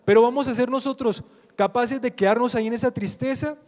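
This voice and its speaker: A man with a Colombian Spanish accent preaches in a high, ringing voice. He keeps asking his listeners questions and then answers them himself. His words carry a long reverb, as in a large church hall. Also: steady tone, a little fast, a little mellow. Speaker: pastor. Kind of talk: sermon.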